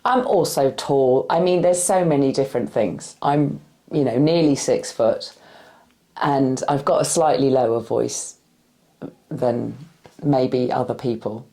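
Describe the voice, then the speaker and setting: This interviewee is a movement practitioner in her forties from West London, England, and she sounds tired. Her voice is a rumbling low and warm, and she talks a little slowly in a West London accent with a slight Irish-influenced R. She considers the interview questions carefully, filling them with hesitations and restarts, in a faintly cracky voice.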